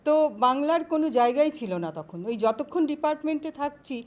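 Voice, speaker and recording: A woman professor answering interview questions on careers in a measured, explanatory way, pausing often to find her words. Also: sits high, animated. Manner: measured, explanatory, with frequent pauses and fillers.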